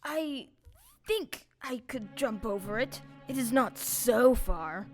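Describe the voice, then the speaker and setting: A woman's voice: on the high side, animated, slow pace, a little mellow, soft background music. A woman playing a big cowardly lion, plaintive and self-pitying, in a stage audio play. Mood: anxious but willing.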